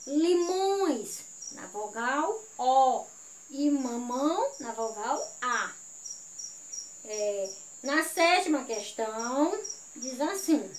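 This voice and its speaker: A woman's voice: high voice, slight background noise. A woman teacher reads a textbook lesson aloud, patiently repeating each instruction. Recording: roomy echo with faint crickets.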